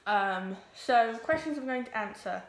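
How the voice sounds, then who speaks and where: A woman's voice: on the high side, lively intonation, reverberant. Nervous teen girl vlogging. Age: teens. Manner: nervous, talks quickly with many ums. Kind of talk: casual vlog introduction. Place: home room with pets.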